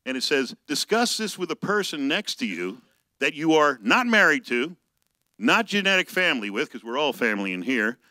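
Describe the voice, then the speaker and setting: A male pastor giving a conversational sermon, reading scripture slowly and telling personal stories. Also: a little high, very animated, bright, forceful tone, no echo, poor audio.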